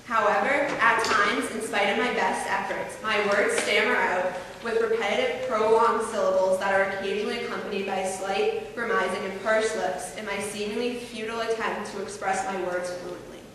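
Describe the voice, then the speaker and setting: Heard from a distance in a large hall, a teenage girl delivers a prepared speech to an audience in a steady, mid-range voice at a moderate pace. She speaks formally and carefully despite a mild stutter, sometimes repeating words, while roomy echo trails each word over a faint hiss.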